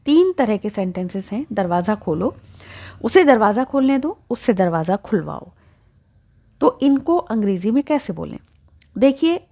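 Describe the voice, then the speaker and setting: A woman's voice: on the high side, warm tone. A woman teaching an English lesson, explaining step by step and asking the learner questions.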